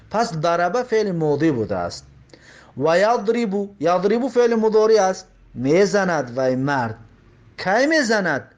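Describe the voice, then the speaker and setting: A man gives a grammar lesson in a high-pitched voice. He drills the same examples over and over, posing questions and answering them himself in a steady teaching manner. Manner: repeats examples, asks and answers own questions.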